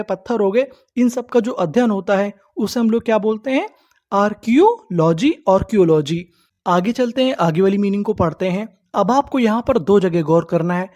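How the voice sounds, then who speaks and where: Teacher drilling words letter by letter. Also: male voice, sits high, a little mellow. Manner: asks questions and answers them himself; sounds words out slowly, letter by letter. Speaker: English reading teacher. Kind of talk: online classroom lesson.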